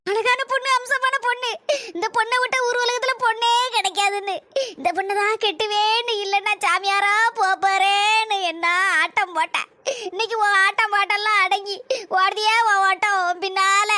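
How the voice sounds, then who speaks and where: A woman's voice: very high voice, steady tone, moderate pace, bright, forceful tone, no room sound. A woman voicing a grieving, dramatic mother-in-law in a cartoon, cursing and lamenting. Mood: mocking. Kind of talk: cartoon voice acting.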